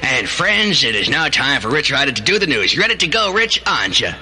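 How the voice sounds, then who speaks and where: An American man plays a 1970s radio DJ hosting a show from a station studio, bantering in a cocky, theatrical, teasing way. His medium-pitched voice is very animated and fairly quick, heard on a noisy 1970s aircheck tape.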